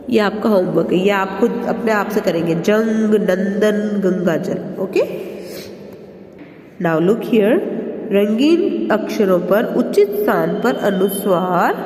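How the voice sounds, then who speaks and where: A woman's voice: mid-range voice, darkish tone. A woman teacher giving a Hindi lesson to children, stretching out each example word as she pronounces it. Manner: slow, drawn-out pronunciation of example words. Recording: echoey room with long reverb.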